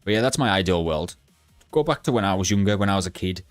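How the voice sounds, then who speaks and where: A young man streaming a game, chatting bluntly and rambling with halting restarts to his live chat. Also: deep voice, animated, dry recording, faint music behind. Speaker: gaming livestreamer.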